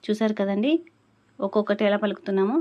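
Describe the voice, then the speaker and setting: Female chant teacher, mid-range voice, patient and deliberate, stretches syllables to demonstrate. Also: medium pitch, level tone, muffled recording. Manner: slow, carefully drawn-out syllables when demonstrating; patient explaining tone. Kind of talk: spoken lesson on pronouncing a chant.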